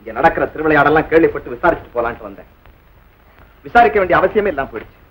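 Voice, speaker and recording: An actor playing a solemn brother-in-law who speaks with slow reproach in a classic film. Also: male voice, a little high, animated, fairly bright tone, breathy edge, low-quality recording. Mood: bitter. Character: stern, grave brother-in-law.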